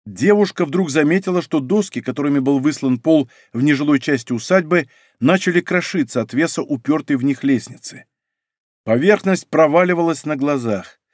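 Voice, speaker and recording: Male narrator for a thriller audiobook, slightly high voice, steady delivery. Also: normal speed, dry recording, studio quality.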